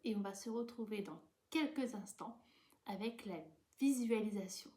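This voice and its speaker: Mellow-voiced woman giving relaxation instructions. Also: medium pitch, moderate pace, breathy edge. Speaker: sophrology guide. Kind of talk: informal spoken instruction to the listener.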